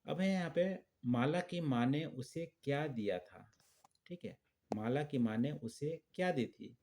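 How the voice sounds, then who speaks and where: A male teacher works through a children's textbook lesson, speaking slowly and deliberately. He repeats phrases and checks in with short questions. He speaks at a middle pitch. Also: expressive, darkish tone. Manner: slow and repetitive, checking with frequent questions. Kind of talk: explaining a school textbook lesson.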